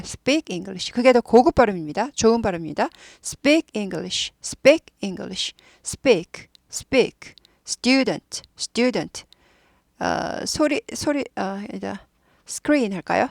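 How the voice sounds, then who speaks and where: A woman's voice: medium pitch, no echo, clean studio sound. A woman teaching English pronunciation, repeating words over and over and explaining them patiently.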